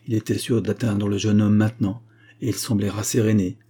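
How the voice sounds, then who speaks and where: A man reading a novel aloud in a measured, expressive narration. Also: on the low side, slightly rough. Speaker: audiobook reader. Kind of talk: literary audiobook narration.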